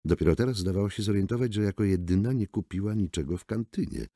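Deep gravelly male audiobook narrator. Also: quick pace, dry recording, studio quality. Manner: expressive, theatrical reading. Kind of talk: scripted narration. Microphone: close studio mic.

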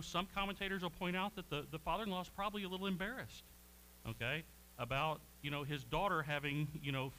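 A man teaching an adult Bible class in a lively, folksy way, his voice bright and ringing. His pitch sits a little high and rises and falls a lot, and he keeps checking in with his listeners. A faint hum runs underneath. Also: poor audio. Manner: animated, folksy, frequent "okay?" check-ins. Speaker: Sunday school teacher. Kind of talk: conversational Bible lesson.

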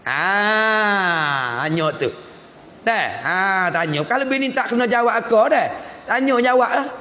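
A man with a Patani Malay accent teaching a religious text in a mosque, lively and joking as he acts out scenes of home life. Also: sits high, a little slow, slight background noise. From southern Thailand. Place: mosque hall. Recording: echoey hall with long reverb.

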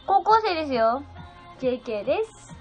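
A seventeen-year-old girl's high-pitched voice swings widely in pitch and has a darkish tone as she talks a little fast on a phone livestream. Bubbly, she reads comments aloud and thanks each viewer. The sound is slightly dull with faint music.

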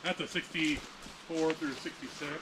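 A man in casual chat, knowledgeable and quick to name car models and years. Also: on the high side, steady tone, bright, forceful tone, a little hiss or hum, poor audio.

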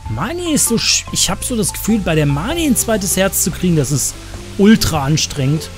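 A man's voice: high-pitched, very animated, moderate pace, soft background music. A man giving casual, chatty gameplay commentary as a streamer, joking around and cursing in crude asides to his chat.

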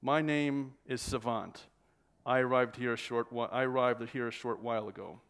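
A man reading aloud from a novel, voicing a smooth, courteous older male smuggler who smirks through his words. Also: medium pitch, fairly even intonation, moderate pace, fairly bright tone, lightly acted. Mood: suave. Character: urbane older male drug smuggler, smug and polite.

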